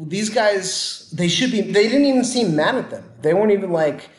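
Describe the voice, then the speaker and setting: A man's voice: sits high, expressive, moderate pace. A man co-hosting a podcast, chatting casually and wryly about movie plot holes. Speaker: podcast co-host. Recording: roomy echo.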